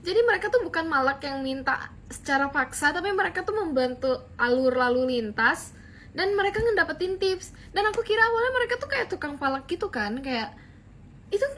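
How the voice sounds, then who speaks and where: High-voiced chatty young woman. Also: animated, brisk, fairly bright tone, a little hiss or hum. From Bali. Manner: chatty, playful slangy delivery. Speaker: comedy skit creator. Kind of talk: comic school skits and storytime.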